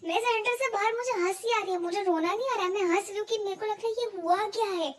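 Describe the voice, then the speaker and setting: Young indian woman vlogging, super high voice, chatty, laughs at herself. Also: fast talker. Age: young adult. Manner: chatty, mixes English into her talk, self-mocking. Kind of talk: casual chat.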